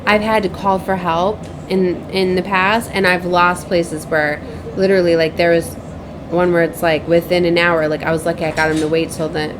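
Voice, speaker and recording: A woman's lowish voice moves at a moderate pace with little pitch movement while she hosts a casual spiritual vlog amid background noise. As a spiritual advisor and tarot reader, she rambles repetitively, often checks for agreement with tag questions, and acts out recalled lines of conversation.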